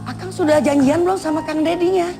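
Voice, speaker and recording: A woman's voice: high-pitched, fast talker, vocal fry, over music. A woman playing a flustered young receptionist who fields a visitor in a TV studio sketch.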